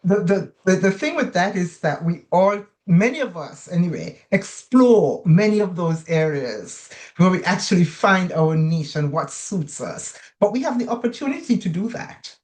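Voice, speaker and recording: A woman's voice: fairly low pitch, big pitch swings, normal speed, hardly any pauses, darkish tone. A woman hosting a nursing interview podcast, welcoming her guest in a chatty, affirming way. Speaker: podcast host.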